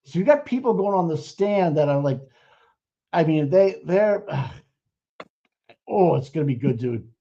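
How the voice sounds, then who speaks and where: Excitable man, muffled stream audio. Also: on the high side, unhurried, long pauses. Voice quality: profane, excitable, rambling with restarts. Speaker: co-host. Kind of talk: casual chat.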